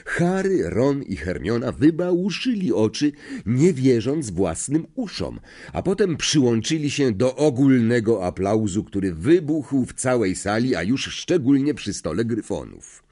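Male storybook narrator, lively melodic pitch, mid voice. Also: a little slow, slightly rough. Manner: expressive, acts out characters. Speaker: audiobook narrator. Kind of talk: scripted narration.

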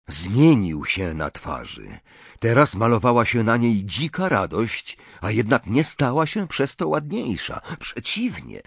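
A man reading an audiobook aloud in an expressive, dramatic storytelling manner. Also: mid-range voice, husky, no echo. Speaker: audiobook narrator.

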